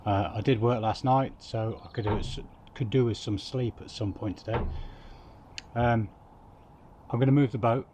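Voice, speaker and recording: A man's voice: mid-range voice, steady tone, normal speed. A man talking to himself as he tightens bolts in a narrowboat engine bay, filming a casual vlog. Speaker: boating vlogger. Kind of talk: casual vlog narration while working. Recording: distant voice, loud clanking noise.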